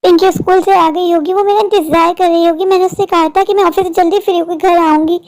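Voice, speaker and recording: A poor young woman from a cartoon, the worried older sister of the family. She talks in a very high, thin voice, pleading and worn down. Her sorrow runs through every line. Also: steady tone, fast talker, a little mellow. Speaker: cartoon character. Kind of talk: Hindi cartoon voice acting.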